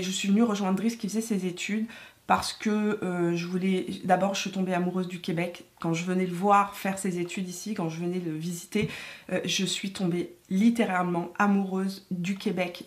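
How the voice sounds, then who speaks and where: A woman from France chatting in a get-ready-with-me video, lively and talkative with frequent fillers. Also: mid-range voice. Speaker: beauty YouTuber. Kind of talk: get-ready-with-me chit-chat.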